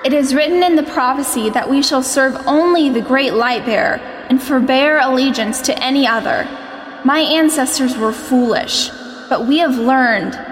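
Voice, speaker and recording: A woman's voice: sits high, moderate pace, lightly acted. A woman playing a steadfast, devout young girl who answers firmly in an audio drama. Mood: resolute. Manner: firm, resolute. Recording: reverberant with music.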